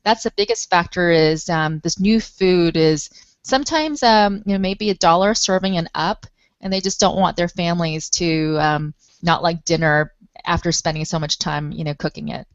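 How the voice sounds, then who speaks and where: Woman from taiwan, lots of ums, pretty low voice, dull streamed audio. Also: normal speed, dry recording. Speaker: nonprofit spokesperson. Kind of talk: panel discussion.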